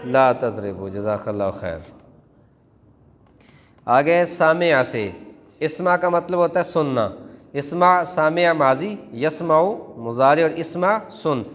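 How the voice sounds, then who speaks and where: A man's voice: fairly high pitch, expressive, a little slow. A man teaching a Quran class in a mosque, chanting verb conjugations in a rhythmic classroom drill. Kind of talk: classroom Arabic grammar drill. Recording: long hall reverb.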